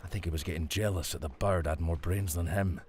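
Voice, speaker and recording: A man's voice: deep voice, fairly even intonation, brisk, background noise, lightly acted. Crab McCready, a man voicing a boastful Scottish ferry captain. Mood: grumbling. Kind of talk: voiced game dialogue.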